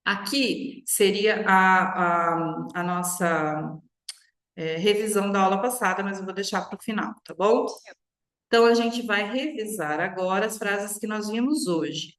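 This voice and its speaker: A Brazilian woman teaching English pronunciation in an online lesson, stretching model phrases out slowly, then explaining quickly and checking in with "tá?". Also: mid-range voice, fairly bright tone, roomy sound. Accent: Brazilian Portuguese. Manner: slow, drawn-out model phrases followed by quick explanations, frequent "tá?".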